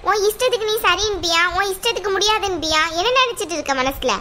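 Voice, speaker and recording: A woman's voice: very high voice, fast, sharp tone, slight background noise. A woman voicing a scolding mother of two daughters in a cartoon, nagging and exasperated. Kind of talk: cartoon voice acting.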